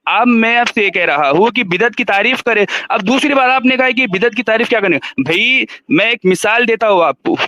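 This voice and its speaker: A man's voice: high voice, animated, few pauses, pushed and bright, slight background noise. A man on a live stream debate, arguing a religious point insistently and repeating himself to get heard.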